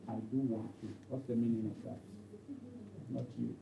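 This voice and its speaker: A man's voice: mid-range voice, flat delivery, moderate pace, creaky. Man teaching grammar. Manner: repetitive, checks understanding with "okay?". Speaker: English teacher. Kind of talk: classroom grammar lesson. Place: classroom. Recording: roomy, distant, dull lo-fi, faint noise.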